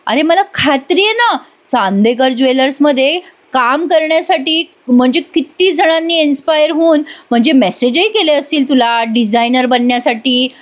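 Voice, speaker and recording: A woman voicing a teasing, sarcastic young woman who mocks slowly and draws out her words. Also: high voice, lightly acted. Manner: mocking, drawn-out teasing.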